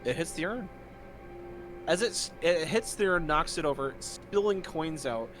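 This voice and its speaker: Here the game master is a man with a slightly high, expressive, somewhat bright voice and a moderate pace. He narrates the tabletop role-playing session in a relaxed way, adding vocal sound effects, with music in the background.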